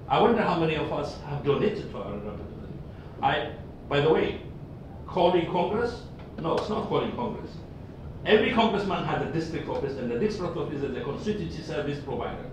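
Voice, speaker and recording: An older man from Ethiopia speaking up from the audience at a public forum, insistent and repetitive as he presses his point. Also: medium pitch. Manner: emphatic, repetitive, rising insistence. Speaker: audience member asking a question. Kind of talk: impassioned public forum comment. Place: large conference room with audience. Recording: very echoey distant room recording, noisy.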